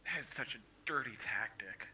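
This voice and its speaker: A man chatting casually as a tabletop game player, halting as he searches for words. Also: fairly low pitch, animated, background noise.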